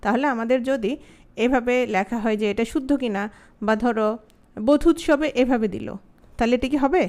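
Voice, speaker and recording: This woman has a high, slightly mellow voice and a Bangladeshi Bengali accent. During her online grammar class she questions the students often, and she pronounces example words slowly, one at a time, before explaining the rule.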